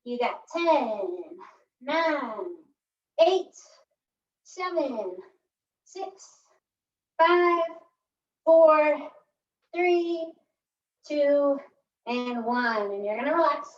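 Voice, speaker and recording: A woman's voice: high-pitched, lively intonation, drawn-out words, pauses often, roomy sound, distant mic, muffled recording. A woman leading a pilates core workout, chatty and upbeat, counting reps aloud while she exercises and often asking "right?". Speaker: pilates instructor. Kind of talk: workout instruction.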